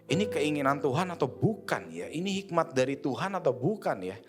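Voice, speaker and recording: Seorang pria berlogat Jakarta berkhotbah dengan santai dan akrab, sering memerankan percakapan dengan dirinya sendiri. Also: male voice, on the high side, very animated, a little fast, over music. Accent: Jakarta Indonesian. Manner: conversational, slangy, acts out inner dialogue. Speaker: preacher. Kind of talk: casual sermon. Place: church service.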